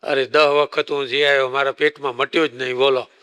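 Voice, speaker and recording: A man's voice: medium pitch, level tone, fairly quick, fairly bright tone, clear, resonant tone, big-room sound. A man, a swami preacher, telling a devotional story as a sermon and acting out the dialogue. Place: temple hall.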